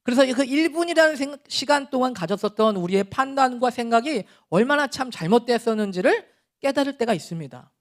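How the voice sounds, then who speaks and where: A middle-aged man preaching a sermon as a pastor, talking in a relaxed, conversational way with chuckles and acted-out scolding. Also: very high-pitched, fairly quick.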